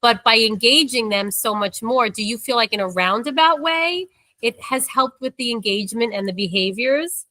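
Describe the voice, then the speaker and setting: A woman's voice: a little high, normal speed, sharp tone, no room sound, rough recording. A woman co-hosting an education podcast, asking curious questions with plenty of fillers. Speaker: podcast co-host. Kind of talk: conversational interview.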